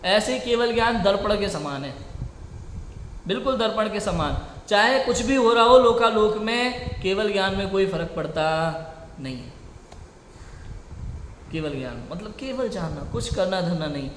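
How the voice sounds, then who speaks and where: A man's voice: high voice, lively intonation, moderate pace, fairly bright tone. A man giving a scripture discourse as a teacher, earnest and argumentative, firing rhetorical questions at his listeners. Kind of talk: sermon-style discourse. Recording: echoey hall with faint background noise.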